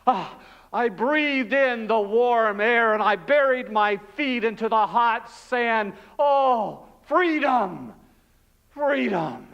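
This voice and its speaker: A pastor acting out Barabbas, a frightened freed male prisoner, in an emotional, hushed and halting dramatic monologue in a church. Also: extremely high pitch, clean tone, highs cut off. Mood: relieved. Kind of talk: dramatic first-person monologue. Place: church sanctuary.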